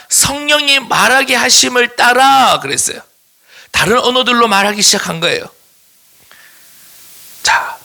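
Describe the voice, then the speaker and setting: Man, Daegu accent, youth sermon, high sharp voice, gravelly edge, playful and teasing. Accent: Daegu Korean. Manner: animated and teasing, jokes with the young listeners; gives note-taking instructions in a classroom way. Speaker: youth pastor. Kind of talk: sermon to teenagers.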